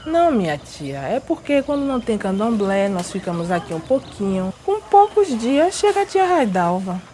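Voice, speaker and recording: A woman's voice: mid-range voice, very animated, moderate pace, dark tone, a little hiss or hum. A woman telling a story in an interview, acting out the voices of the people in it.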